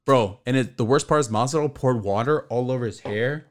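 Male co-host with a slight lisp, mid-pitched, loose rambling delivery, casual podcast talk. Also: brisk. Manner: loose, rambling, lots of "bro" and "like". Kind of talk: casual chat.

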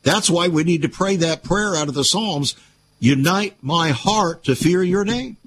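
A man's voice: a little high, measured pace, a bit bright, slightly rough. A man hosting a radio show, giving preachy Bible-based commentary full of rhetorical questions.

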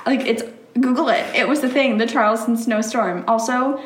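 The recording is roomy with faint noise, capturing a young adult woman guesting in a casual interview. She's a Philadelphia-area college student, giggly and filler-heavy, with a slightly high voice, steady tone and moderate pace.

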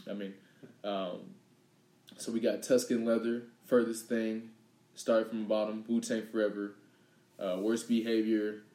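A man co-hosting a podcast, chatting casually and reeling off lists in a relaxed, laid-back way. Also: lowish voice, a little slow. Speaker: podcast co-host. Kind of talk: casual chat. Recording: roomy echo.

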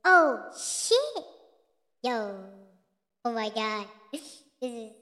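Teen girl through a high morphing voice changer. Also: big pitch swings, drawn-out words, sharp tone, exaggerated voice. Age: teenager. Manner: giggly, swearing, flustered. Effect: voice changer morphing her voice higher. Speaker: first-time podcaster. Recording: echo effect with long reverb.

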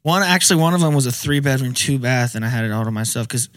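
A man in his twenties chatting casually as a podcast guest, laid-back and quick to laugh. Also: mid-range voice, lively intonation, fairly bright tone. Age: 20s.

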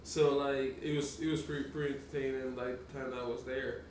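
A man's voice: mid-range voice, little pitch movement, fairly quick, darkish tone, far from the mic. A man telling a story in casual podcast chat, rambling, swearing and laughing often. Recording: echoey room, off-mic, faint noise.

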